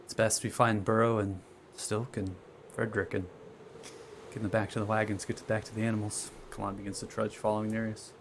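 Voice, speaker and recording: A man with a lowish voice runs a tabletop game as game master. He improvises his narration haltingly and checks in with tag questions. There is noticeable noise behind him. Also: flat delivery. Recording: clear background noise.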